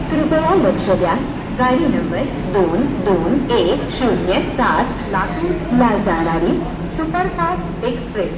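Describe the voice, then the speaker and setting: A woman with an Indian accent making a slow, measured railway station public address announcement in a large terminus. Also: medium pitch, very animated. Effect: train station public address announcement. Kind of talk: recorded railway platform announcement. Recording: echoey station hall with loud train noise. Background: trains and station bustle.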